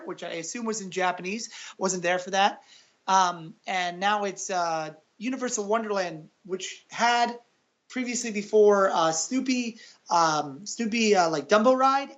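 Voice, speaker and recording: A man's voice: high voice, fairly bright tone, highs cut off. A man chatting as a podcast guest, rambling with lots of uhs, ums and restarts. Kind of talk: casual podcast chat.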